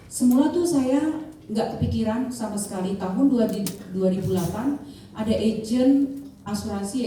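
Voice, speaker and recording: A woman's voice: mid-range voice, slight background noise. Woman around fifty speaking in an echoey hall. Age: 50s. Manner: chatty, warm-up questions to the crowd, many fillers. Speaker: insurance agent giving a sharing talk. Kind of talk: motivational speech to an audience. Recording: distant mic, heavy room echo.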